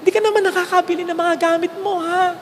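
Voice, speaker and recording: A man with a Filipino accent giving a homily as a priest, telling a story with lively swings between raised exclaims and low, hushed lines. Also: fast, slight background noise. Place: large church. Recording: long church reverb with faint ambience.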